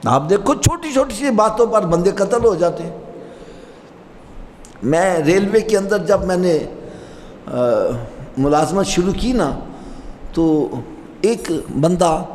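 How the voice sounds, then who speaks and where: A man's voice: high voice, pauses often, a little hiss or hum. A middle-aged man preaching a sermon, telling stories and speaking directly to his listeners. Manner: animated, storytelling with rising emphasis and asides to listeners. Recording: long reverb hall with faint ambience.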